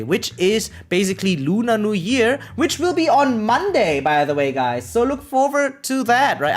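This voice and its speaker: Bits of game text get read out by this excitable, sweary streamer as he reacts aloud and chats casually with viewers. His voice sits at a medium pitch.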